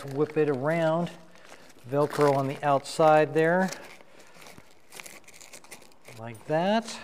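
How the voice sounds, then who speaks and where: A middle-aged man demonstrating how to assemble lighting gear at a table in a dark studio, talking as he works. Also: a little high, in a large hall, a little hiss or hum. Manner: unhurried, talks while assembling gear. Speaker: photographer reviewing gear. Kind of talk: hands-on gear demo. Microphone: wireless lapel mic.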